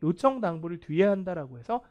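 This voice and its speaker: High, lively male English teacher. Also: brisk, highs cut off. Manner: animated, playful and self-mocking. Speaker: English test instructor. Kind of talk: video vocabulary lecture.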